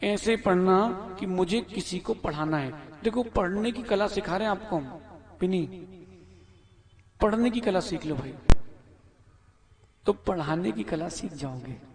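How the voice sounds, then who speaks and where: A man's voice: high-pitched, measured pace, long pauses, a crowd in the background. A man, a monk, giving a scripture class in a temple hall, quizzing listeners by name and correcting how they pronounce the verses.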